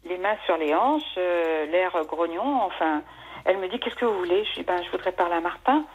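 A woman's voice: on the low side, animated, normal speed, slight background noise. A woman calling in to a live radio show, telling a long personal story with many restarts. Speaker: caller. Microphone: telephone. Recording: dull phone line.

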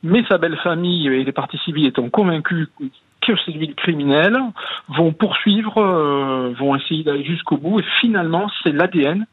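A man calling in to a radio show over a phone line, recounting things in a measured, thoughtful way. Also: a little high, slightly rough, no echo. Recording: tinny, dry phone line.

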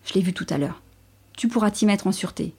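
A woman's voice: medium pitch, animated, fast, mellow, slightly rough. A woman voicing a loyal young male wolf cub who talks with urgent care.

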